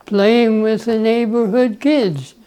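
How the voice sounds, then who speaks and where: A man in his nineties, originally from El Salvador and raised speaking Spanish, tells his life story very slowly. His voice is soft and mellow. He chuckles now and then and often clears his throat. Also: high-pitched, steady tone, low-quality recording. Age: 90s. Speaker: grandfather being interviewed. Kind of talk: relaxed life-story interview.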